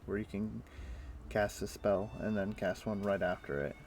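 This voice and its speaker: With a lowish, gravelly voice and level tone, a man chats casually at a moderate pace while streaming a video game, thinking out loud with frequent fillers. There's a little hiss or hum, and soft game music plays faintly underneath.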